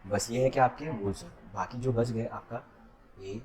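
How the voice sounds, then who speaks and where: Crowd noise surrounds a male teacher leading exam-prep, his medium-pitched voice moving a little slowly. Almost every point ends with an "okay?" check to the class, and he drills by asking questions he then answers himself.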